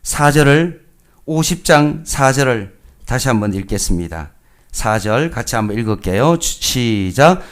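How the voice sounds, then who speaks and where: Smooth-voiced man teaching from scripture. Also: mid-range voice, animated. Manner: asks questions and answers them himself, reads scripture slowly. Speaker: pastor. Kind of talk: Bible teaching sermon.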